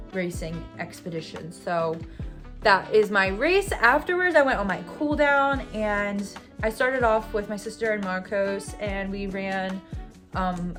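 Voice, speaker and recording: Woman in her 20s, casual vlog voice-over, self-critical, candid, faint background music. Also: medium pitch. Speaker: vlogger and runner.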